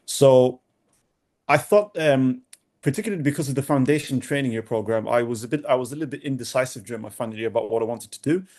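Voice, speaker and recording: A young man from Sudan, a doctor answering podcast interview questions in a halting way with many restarts and repeated words. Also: mid-range voice, darkish tone. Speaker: doctor, guest.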